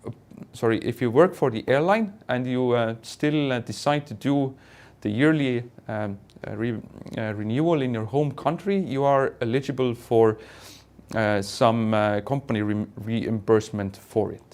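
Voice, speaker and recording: Answering questions in an online Q&A, a man who is an airline pilot and instructor speaks hesitantly and with care. His voice is medium in pitch with a darkish tone.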